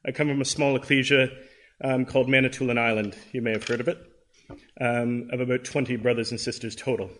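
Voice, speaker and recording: A man's voice: mid-range voice, flat delivery, brisk, fairly bright tone. A man in his thirties from Canada with a Canadian accent, giving an earnest, conversational Bible class talk with frequent ums and restarts. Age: 30s.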